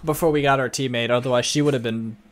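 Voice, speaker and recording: A man's voice: medium pitch, steady tone, fast talker, a little hiss or hum. A young man streaming a game, chatting playfully with his viewers, humming little tunes and reading chat aloud. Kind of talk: live gameplay commentary. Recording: faint music behind.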